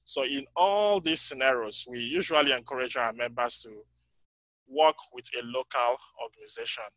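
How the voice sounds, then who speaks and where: A man giving a conference breakout talk, halting with many pauses and fillers, his voice fading in and out. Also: mid-range voice, a bit bright, dry recording, poor audio. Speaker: convention panel speaker.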